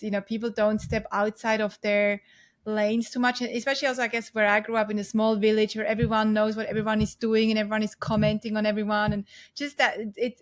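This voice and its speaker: Chatty Swiss-accented woman telling her story. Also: mid-range voice. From Switzerland. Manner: lively, laughs often, chatty. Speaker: podcast guest, entrepreneur. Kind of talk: casual interview storytelling.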